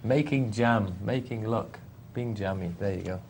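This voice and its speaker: A man's voice: fairly low pitch, measured pace, vocal fry, a little mellow, a little hiss or hum. A man co-commentating live poker, earnest and agreeable as the sidekick in the banter.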